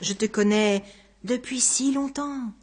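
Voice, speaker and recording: Woman reading a calm, mocking male stranger. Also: a little high, husky. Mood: teasing. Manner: teasing, unhurried.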